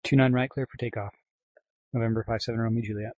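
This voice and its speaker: A man speaking as a pilot, reading back clearances and making calls in aviation phraseology. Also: mid-range voice, steady tone, fast, a little mellow, no room sound, highs cut off. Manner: frequent throat clearing. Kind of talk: aviation radio readbacks.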